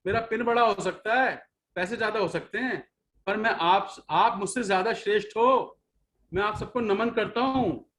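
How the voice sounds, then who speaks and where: Man, 50s, team leader, motivational talk, high-pitched voice, emphatic, repetitive, preachy, talks straight to the audience. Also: fairly bright tone, slight background noise. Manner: emphatic, repeats key phrases over and over; addresses listeners directly, preachy and scolding. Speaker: network marketing team leader.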